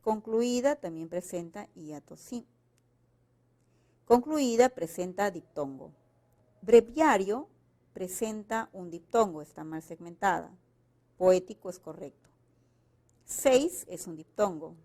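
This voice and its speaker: A woman's voice: mid-range voice, lively intonation, takes it slowly, long pauses, a little mellow. A woman teacher from Peru, working through exam questions and reading the example sentences aloud with marked intonation. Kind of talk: explaining exam answers.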